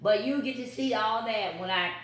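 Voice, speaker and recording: A woman's voice: on the high side, normal speed, fairly bright tone, a little hiss or hum. A middle-aged woman, chatting casually to viewers of her home cooking vlog, repeating her catchphrases. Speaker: vlogger. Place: home kitchen. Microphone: built-in phone mic on the counter. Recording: echoey kitchen.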